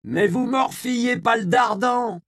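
A man shouting as a raspy, foul-mouthed old crone. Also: extremely high pitch, unhurried, no room sound, soft background music, pitched above the performer's own voice. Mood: scornful yelling. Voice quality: raspy but powerful. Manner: foul-mouthed slangy yelling. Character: crude, fierce old woman haranguing a crowd.

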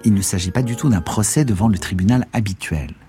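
A man voicing a tired, docile accused young man in an audiobook reading, speaking quietly. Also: lowish voice, a little fast, over music, close to an everyday voice. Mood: weary.

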